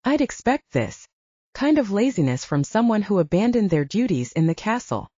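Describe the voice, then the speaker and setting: Woman doing a haughty noblewoman, snappish, scornful, mellow voice, dry sound. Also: medium pitch, very animated, normal speed, no echo. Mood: impatient. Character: haughty impatient young noblewoman. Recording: dull lo-fi.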